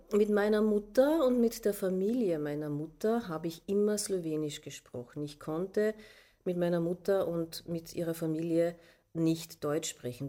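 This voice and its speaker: A teacher from Carinthia, Austria, whose first language is Slovene, gives a personal account as a guest in an interview. Her voice is mellow and sits a little low. She speaks thoughtfully, with many fillers, often pausing and restarting.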